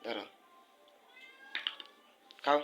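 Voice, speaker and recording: A man's voice: very slow, pushed and bright, dull audio, faint music behind. A man, filming at home at night and coaxing cats with repeated sing-song calls. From Bangladesh. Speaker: vlogger feeding cats. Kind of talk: casual home video. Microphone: phone camera.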